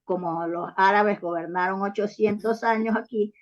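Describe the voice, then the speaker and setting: On a dull, lo-fi recording, a female author answers interview questions at length in a steady, medium-pitched voice at normal speed. Her replies ramble, stumble over false starts and hesitations, and are dotted with "¿sabes?" and "¿ah?" directed at the listener.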